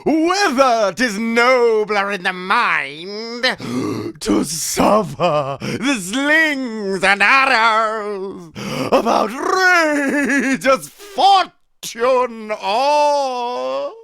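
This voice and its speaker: A pompous old ham actor. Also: male voice, very high-pitched, animated, extremely slow, gravelly, sharp tone, clean tone, dry recording, heavily acted. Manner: grandiose, theatrical, declaiming. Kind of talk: comedy radio sketch acting.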